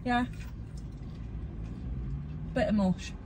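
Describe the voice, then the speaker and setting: A woman's voice: fairly high pitch, fairly even intonation, drawn-out words. A woman chatting casually while chewing food in a parked car. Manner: chatty, mouth full of food. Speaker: mukbang host. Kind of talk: casual food-tasting chat. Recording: car interior with vehicle noise.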